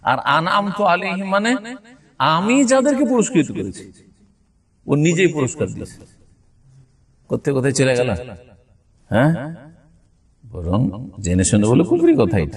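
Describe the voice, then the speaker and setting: A man with a Bangladeshi Bengali accent gives an Islamic sermon lesson in a fairly high voice. He is recorded from a distance with a mic set well away from him. He moves between recited Arabic and plain explanation, and keeps asking his listeners questions. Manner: explains by asking rhetorical questions and drawling out sounds. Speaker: Islamic preacher.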